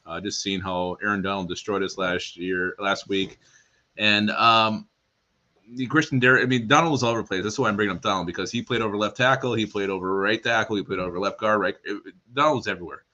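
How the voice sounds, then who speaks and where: A man co-hosts a live sports chat, teasing his partner and reading out viewer comments. His voice sits low but sounds forceful. The audio is dull and lo-fi. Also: fast. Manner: teasing, laughs often, reads viewer comments. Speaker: sports podcast co-host.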